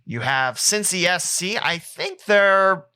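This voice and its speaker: A man hosting a solo sports podcast, reading through teams and scores in a casual, rambling way with quick self-corrections. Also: high voice, lively intonation, bright, forceful tone, smooth. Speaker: podcast host.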